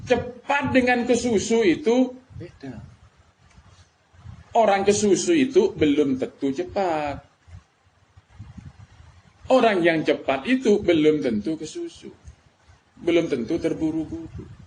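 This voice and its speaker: Brief: middle-aged Madurese-Javanese Indonesian preacher man, unhurried, emphatic, slightly high voice, faint hiss. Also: expressive, darkish tone. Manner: emphatic, rhetorical questions, mixes colloquial words. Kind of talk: religious lecture. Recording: faint background noise.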